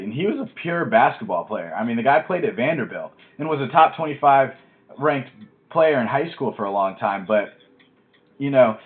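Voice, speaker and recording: A man hosts a casual podcast in a loose, chatty way, and he fires up quickly. His voice sits at an ordinary middle pitch. The sound is thin and tinny, like a phone line. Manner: excitable, chatty, easily fired up. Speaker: podcast host.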